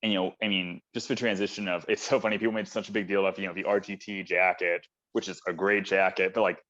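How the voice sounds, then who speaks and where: A man's voice: low voice, little pitch movement, fast talker, fairly bright tone. A man co-hosting a casual film chat, talking enthusiastically and rambling with lots of fillers. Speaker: podcast co-host. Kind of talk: casual chat about films. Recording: dull lo-fi audio.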